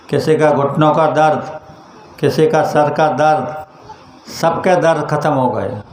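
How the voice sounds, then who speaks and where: Male preacher telling a parable, unhurried and deliberate, slightly high voice. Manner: slow, patient storytelling to a congregation. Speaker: spiritual teacher. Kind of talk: storytelling sermon. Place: religious gathering hall. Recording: echoey hall sound.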